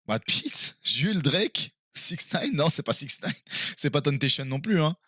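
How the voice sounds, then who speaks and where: A man streaming live and playing a quiz game with his viewers, excitable and quick to exclaim and swear when he is stuck. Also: a little high, husky, no echo, clean studio sound.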